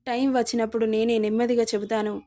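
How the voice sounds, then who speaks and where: A woman's voice: a little high, little pitch movement, quick pace, dark tone, lightly acted. A woman reading a guilt-ridden young husband. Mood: pleading. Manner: pleading, remorseful.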